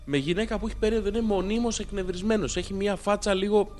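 A man's voice: sits high, darkish tone, faint music behind. A man co-hosting a podcast in casual banter, laid-back and wry, cursing freely. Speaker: podcast co-host. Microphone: studio microphone.

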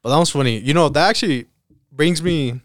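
A man's voice: a little high, fairly quick, dry recording, clean studio sound. A young man chatting casually like a frat bro, with lots of slang and swearing. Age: young adult. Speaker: podcast host. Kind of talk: casual chat.

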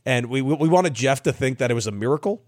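Lively man telling a funny story. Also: medium pitch, quick pace, no room sound, clean studio sound. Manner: lively, laughing storyteller who acts out quotes. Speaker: guest, professional baseball player. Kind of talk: casual storytelling.

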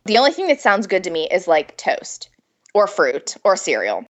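A woman's voice: fairly low pitch, huge pitch swings, normal speed, muffled recording. A pregnant woman, a food blogger guest, chatting casually in an interview, giggling often and filling her speech with "like". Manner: chatty, giggly, lots of filler "like".

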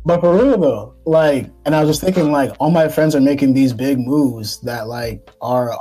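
A man's voice: mid-range voice, warm tone, husky, faint music behind, poor audio. A nineteen-year-old man co-hosting a podcast, talking casually with lots of fillers and restarts. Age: teens. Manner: halting, many fillers and restarts. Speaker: podcast co-host. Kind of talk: casual chat.

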